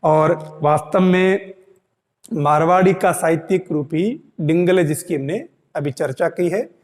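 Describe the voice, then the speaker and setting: Slow, deliberate male teacher in a reverberant room. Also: on the high side, a little mellow. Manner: slow, repeats key points, "dhyan dena" reminders. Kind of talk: exam-prep lecture.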